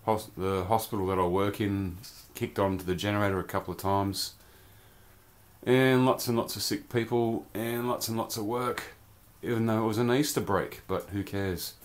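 A man's voice: on the low side, steady tone, moderate pace. A man casually reviewing a collectible toy in a rambling, chatty vlog from his home beer cellar. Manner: chatty, rambling, loose slang.

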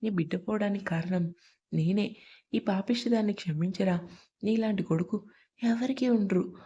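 A woman's voice: mid-range voice, moderate pace, warm tone, breathy edge, highs cut off, natural voice. A woman voicing a remorseful middle-aged mother-in-law in an audio story, speaking in a tearful, pleading way.

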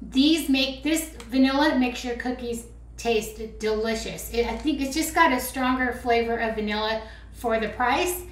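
A woman's voice: fairly high pitch, normal speed. A woman vlogger chatting casually while making a craft, rambling and teasing herself as she goes. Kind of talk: casual how-to chat. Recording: roomy echo with faint clicks.

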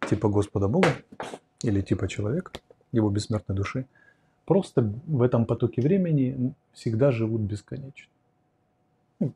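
In a curtained studio room, a man in his forties takes viewer questions on philosophy during a livestream, thinking aloud and working at a whiteboard. His mid-range voice is warm with a breathy edge, picked up by a lapel mic. It's a livestreamed lecture on philosophy and psychology.

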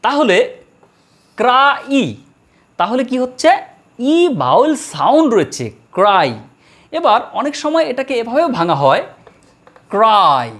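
Woman grammar teacher, animated, stretches out each example word for the class. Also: a little high. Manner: slow drawn-out model words, repeated for students. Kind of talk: classroom lesson.

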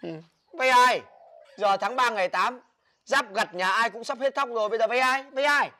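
A man playing a bright, high-voiced scolding older brother. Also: expressive, fairly quick. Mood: exasperated. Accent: Northern Vietnamese. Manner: scolding, exasperated, loud complaining. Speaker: actor in comedy sketch. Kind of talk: village comedy sketch acting.

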